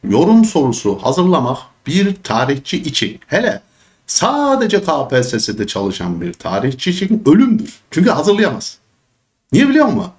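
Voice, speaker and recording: A man with a Çorum lilt teaching history for an exam, talking in an animated, joking way that leaps up in pitch when he gets worked up. His voice sits a little higher than most men's and swings widely. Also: normal speed. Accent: Turkish, Çorum dialect slips. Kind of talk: exam prep lesson with casual rants.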